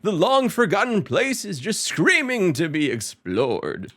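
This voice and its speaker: A man voicing an old male quest-giver in a fantasy game, speaking higher and louder than his own voice. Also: wildly swooping pitch, unhurried, heavily acted. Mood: eager. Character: old male quest-giving villager, eager and folksy.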